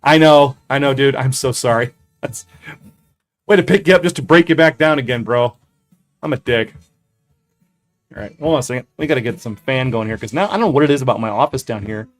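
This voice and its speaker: A man running a casual livestream from his basement office, swearing a lot, getting excited and then putting himself down. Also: mid-range voice, brisk, long pauses, soft background music. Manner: profane, excitable, self-deprecating. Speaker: comic shop owner streaming.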